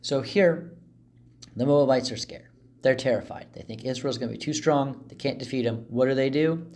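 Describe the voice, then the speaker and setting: A man's voice: mid-range voice, moderate pace, a little mellow. A man in a mid-range voice explains a Bible passage as a teacher would. He talks casually and chattily, breaking up his sentences with asides and small fillers.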